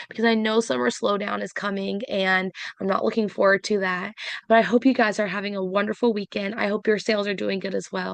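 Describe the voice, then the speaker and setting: A woman vlogger with a hoarse voice that is not fully back, chatting in a rambling way with many fillers as she recaps her weekly resale sales. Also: medium pitch, no echo. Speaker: reseller vlogger. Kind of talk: casual sales recap vlog.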